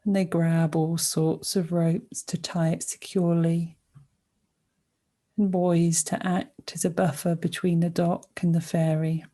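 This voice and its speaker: Gentle and unhurried, a woman acting as a meditation guide offers soothing sleep narration, pausing after each short phrase. She has a fairly low voice and a flat delivery.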